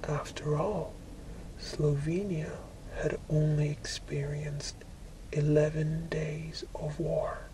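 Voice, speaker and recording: A person reading a book aloud for ASMR in a soft, breathy whisper, with deliberate phrasing and frequent pauses. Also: medium pitch, little pitch movement, noisy background. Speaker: ASMR reader.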